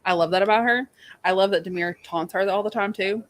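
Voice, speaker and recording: A woman with a mid-range voice talks fast as co-host of a live readalong show. She chats about books informally, using slang and plenty of emphasis.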